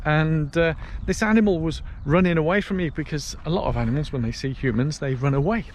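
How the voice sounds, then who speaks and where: A British man with a slightly high voice records a casual walk-and-talk vlog. He chats in a storytelling way out in the open, with faint outdoor ambience and traffic noise behind him. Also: a little fast. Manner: chatty storytelling while walking outdoors. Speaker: vlogger. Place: outdoors on a canal path.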